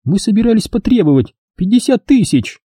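A man voicing prim, haughty old Miss Rushby. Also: high voice, big pitch swings, mellow, slightly rough, no echo, clean studio sound, voice pushed up, heavily acted. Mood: indignant. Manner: prim and commanding.

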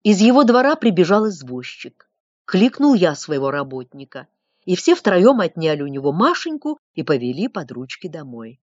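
A woman's voice: lowish voice, big pitch swings, normal speed, a little mellow, dry recording. A woman reading as a pious, moralizing townsman. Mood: self-righteous. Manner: sanctimonious, moralizing storyteller. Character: staid middle-aged male townsman telling a tale. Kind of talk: audiobook reading of a classic story. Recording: dull lo-fi dry recording.

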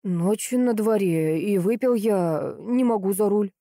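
Storybook part: a woman doing a bewildered grumbling man, slow and fretful, dry close sound. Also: medium pitch, dark tone, dry recording. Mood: dazed. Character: bewildered, tipsy grown brother, grumbling.

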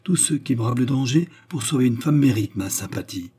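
A man voicing a young grand duchess in an audiobook, speaking softly and frankly. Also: mid-range voice, animated, a little fast, husky. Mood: gentle.

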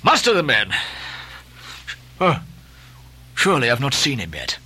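A man's voice: medium pitch, wildly swooping pitch, a little slow, bright, forceful tone, breathy edge, full character voice. A man voicing an obsessed old sea captain who barks orders in grandiose, archaic speech. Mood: commanding. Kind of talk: dramatic audiobook reading.

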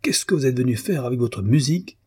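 A man's voice: medium pitch, normal speed, mellow, husky, pitched above the performer's own voice, close to an everyday voice. A man voicing an irate older landlady who scolds her tenants in a raised, indignant voice. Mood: scolding.

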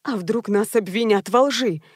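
A woman's voice: a little high, measured pace, no echo, studio quality. A woman voicing a timid, fretful older actress. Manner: soft, hesitant, fretful. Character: timid older actress, anxious mother-in-law.

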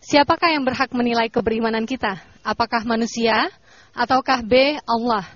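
A woman's voice: fairly high pitch, moderate pace, no echo, highs cut off. A woman with an Indonesian accent presenting a scripted TV quiz announcement in a formal, polite way. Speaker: quiz presenter on a religious TV show.

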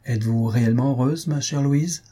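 Probing, insistent young sister, voiced by a man; husky and dark, storybook reading. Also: medium pitch, fairly quick, pitched above the performer's own voice, natural voice. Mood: tender. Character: thoughtful, insistent young woman, the elder sister. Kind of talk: audiobook character voice.

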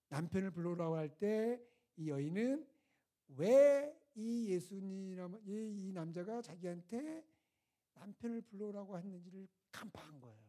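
Dark-voiced preacher telling a lively sermon. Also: mid-range voice. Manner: asks the audience rhetorical questions; retells scripture dialogue in a lively, conversational way. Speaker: preacher at a winter retreat. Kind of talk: storytelling sermon.

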